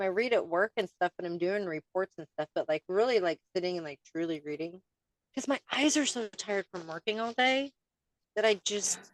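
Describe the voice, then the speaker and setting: A woman co-hosting a casual podcast, talking in a fairly low voice. She reads card text and chats, tripping over words and laughing along. The sound is dry and close. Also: dry recording. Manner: chatty, stumbles over words, laughs often. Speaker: podcast co-host. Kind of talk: casual chat and oracle card reading.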